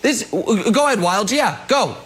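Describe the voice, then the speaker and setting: A man's voice: high-pitched, expressive, moderate pace, a bit bright. A man co-hosting a sports debate show, arguing emphatically and with open disbelief. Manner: emphatic, incredulous, argumentative.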